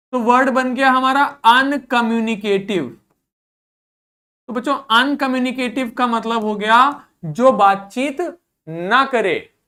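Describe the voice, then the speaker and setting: Indian lady teacher going over vocab words slow, says each one again and again, asks the kids then answers herself. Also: on the high side, a bit bright. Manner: repeats each word slowly, drilling pronunciation; asks students questions and answers them herself. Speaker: English teacher. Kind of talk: classroom vocabulary lesson.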